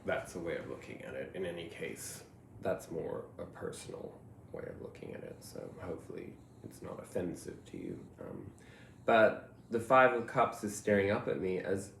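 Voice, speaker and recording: A man giving a reflective tarot reading, musing and meandering, often trailing off softly. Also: sits low, huge pitch swings, normal speed, creaky, a little hiss or hum. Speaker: tarot reader. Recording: roomy echo, faint ambience.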